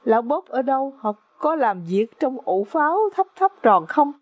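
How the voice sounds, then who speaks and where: A woman's voice: high-pitched, expressive, moderate pace, no room sound, lo-fi sound. A woman narrating an audiobook in a dramatic, suspenseful storytelling manner.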